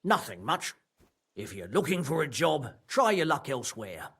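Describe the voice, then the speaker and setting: A male actor playing a wary, gruff medieval stableman in a video game, grudgingly helpful, with blunt, folksy rustic phrasing. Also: mid-range voice, sing-song, normal speed, fairly bright tone, exaggerated voice. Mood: curt, hostile.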